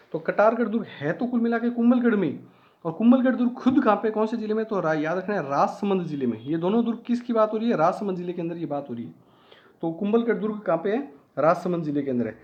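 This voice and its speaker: High-voiced teacher drilling exam facts. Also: male voice, highs cut off. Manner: repetitive, drilling key facts, asks and answers his own questions. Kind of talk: online exam-prep lesson.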